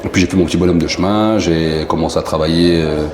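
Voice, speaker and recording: A man from Marseille, a company founder telling his story in a relaxed, rambling way with many fillers. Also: low voice, quick pace, crowd noise. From southern France, Marseille. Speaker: company founder, interview guest. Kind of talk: casual interview chat. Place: indoor bar room. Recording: echoey room, faint background noise.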